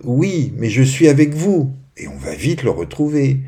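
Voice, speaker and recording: A man voicing a kind, gentle female fairy in a children's bedtime story, speaking softly and reassuringly. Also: medium pitch, sing-song, measured pace.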